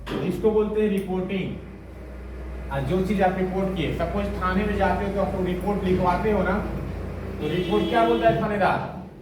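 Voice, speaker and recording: A man's voice: high voice, a little fast, recorded from a distance, background noise. A male teacher giving a classroom grammar lesson, asking questions and answering them himself. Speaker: English teacher. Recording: echoey room, voice from afar.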